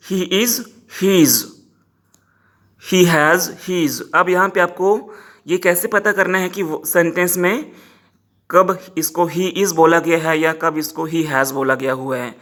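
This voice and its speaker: A man with an Indian English accent teaching a pronunciation lesson, explaining in Hindi and slowly modelling English words. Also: fairly high pitch, fairly bright tone.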